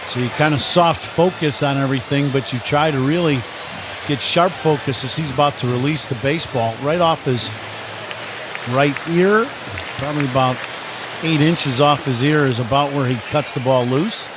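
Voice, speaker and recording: Speaking at a normal speed in a mid-range voice, this American man offers conversational, explanatory analysis during a live radio baseball game. The crowd ambience of the ballpark is audible in the background.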